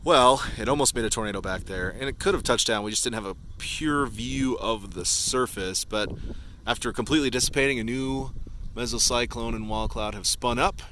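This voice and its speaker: A man who works as a storm chaser gives casual vlog commentary from the road, recorded inside a car. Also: a little fast. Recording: very noisy moving vehicle, rumbling road noise. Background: loud engine and road rumble.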